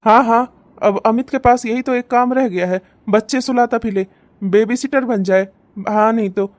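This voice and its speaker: A woman's voice: fairly high pitch, moderate pace, darkish tone, dry recording, close to an everyday voice. A woman voicing a young husband in a cartoon, firm and reasoning in the way he talks. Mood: stern. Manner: stern, then reasoning. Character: young husband, bossy at first, then calm.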